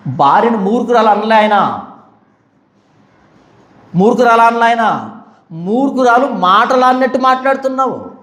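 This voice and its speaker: High-voiced man preaching in an echoey room. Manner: animated, acts out quoted voices and asks the listeners questions. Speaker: pastor. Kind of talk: Bible study sermon.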